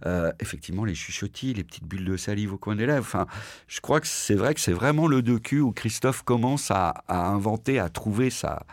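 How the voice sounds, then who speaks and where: A man hosting a radio talk, telling a behind-the-scenes story in a lively conversational way. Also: lowish voice, brisk, no room sound, clean studio sound.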